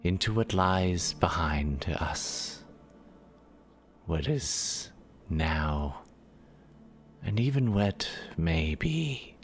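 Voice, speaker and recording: A man voicing a solemn, cryptic old hag in a tabletop game, speaking slowly and formally like a ritual guide. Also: very deep voice, a little hiss or hum, heavily acted. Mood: cryptic, guiding. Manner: slow, deliberate, formal old-hag speech. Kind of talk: tabletop role-play acting.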